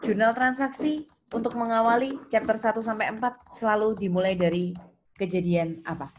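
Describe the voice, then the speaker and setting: This woman's voice sits on the high side, with fairly even intonation and normal speed, as she lectures on accounting in an online class. She works through the material step by step, asking students questions and repeating what they say, amid noise and keyboard clicks.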